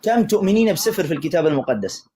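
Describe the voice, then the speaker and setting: A man hosting a live religious debate stream, lecturing forcefully and cutting in to taunt a caller. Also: on the high side, big pitch swings, rapid-fire, slight background noise.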